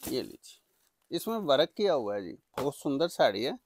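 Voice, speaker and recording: A man presenting products for sale in an eager, repetitive teleshopping-style pitch. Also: big pitch swings, moderate pace, a little hiss or hum. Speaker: saree seller presenting products. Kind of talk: product sales demonstration.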